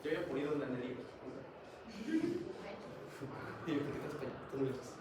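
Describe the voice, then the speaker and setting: A man's voice: medium pitch, fairly even intonation, racing. A man giving a classroom lecture, chatty and always asking the students questions. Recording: echoey classroom, mic far off, noisy.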